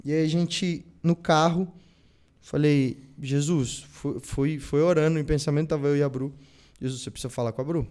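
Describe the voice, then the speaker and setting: A young Brazilian man tells a long personal story as a podcast guest, acting out every quoted line in an animated, conversational way. His voice sits a little high for a man but has a mellow, warm color. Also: normal speed, clear, resonant tone. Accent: Brazilian Portuguese. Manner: animated, acts out quoted dialogue. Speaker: podcast guest, band musician. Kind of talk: casual storytelling interview.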